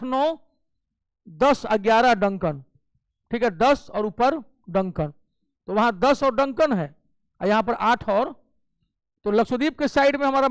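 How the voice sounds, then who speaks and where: A man's voice: extremely high pitch, clear, resonant tone, no echo. A male teacher giving an exam coaching lecture, explaining step by step and checking in often with his class. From Bihar. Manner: explains step by step with frequent "ठीक है" check-ins.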